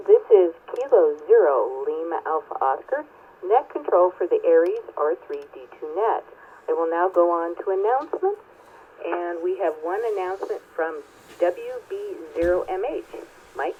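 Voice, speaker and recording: A woman's voice: on the low side, sing-song, normal speed, slight background noise. A woman acting as net control, running a formal radio net over a two-way radio. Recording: staticky narrow phone-like radio link.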